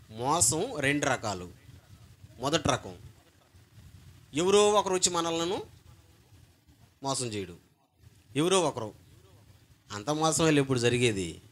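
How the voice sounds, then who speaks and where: A man preaching a sermon as pastor, calling on the congregation to answer loudly. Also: mid-range voice. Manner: call-and-response, demanding congregation repeat loudly; emphatic, swings between soft and loud.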